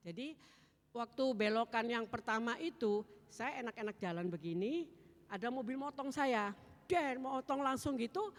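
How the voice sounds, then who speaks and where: A woman giving a spoken church testimony, telling her story with lively energy and acting out the voices of others. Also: a little high. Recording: hall with long reverb.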